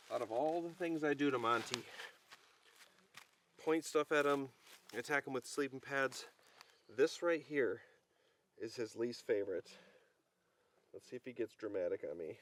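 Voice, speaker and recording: A man vlogging casually from a wilderness campsite, chatting in a relaxed way and gently coaxing his dog. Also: mid-range voice. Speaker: outdoor vlogger. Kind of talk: casual vlog narration.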